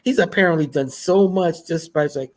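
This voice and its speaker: A co-host in a casual pop-culture discussion, speaking in a halting, casual way with fillers. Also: medium pitch, darkish tone. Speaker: podcast co-host.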